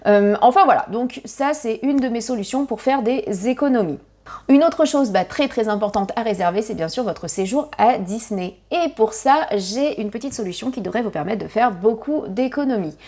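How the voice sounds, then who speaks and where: A French woman talks straight to her viewers about planning a family trip, in a relaxed, chatty vlog style. Her voice sits slightly high, and she keeps up a lively pace, restarting sentences and dropping fillers as she goes. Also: normal speed. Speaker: family travel vlogger. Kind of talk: casual travel advice talk.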